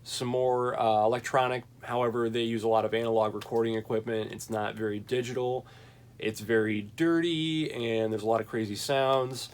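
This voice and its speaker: A man's voice: mid-range voice, steady tone, normal speed. A young man chatting casually about his vinyl record collection, rambling and enthusiastic, with plenty of fillers.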